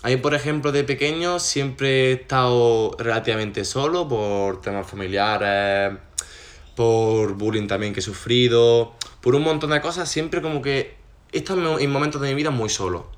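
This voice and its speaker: A young man hosting a podcast, talking things through in a relaxed, reflective way with many asides. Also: medium pitch, moderate pace. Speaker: podcast host. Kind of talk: casual chat.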